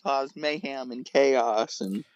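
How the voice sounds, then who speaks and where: A man's voice: mid-range voice, a little slow, no room sound, muffled recording. A man co-hosting a movie review podcast, chatting casually and bluntly. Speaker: podcast co-host.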